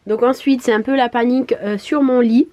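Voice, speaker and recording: A woman chatting casually in a vlog, her voice hoarse, congested and duck-like from swollen tonsils, speaking in a chatty, hesitant way. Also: on the high side, steady tone, fairly quick, warm tone, no echo. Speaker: vlogger. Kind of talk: casual vlog chat to camera.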